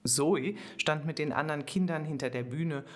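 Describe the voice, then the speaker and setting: A woman with a notably low voice narrates a children's story. Her reading is calm and expressive, in a scripted storytelling style. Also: moderate pace.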